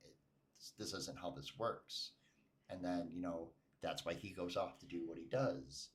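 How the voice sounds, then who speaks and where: Low-voiced male co-host, chatty and animated, mimics characters while retelling. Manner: animated storyteller, acts out quotes. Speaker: podcast co-host. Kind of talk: casual chat.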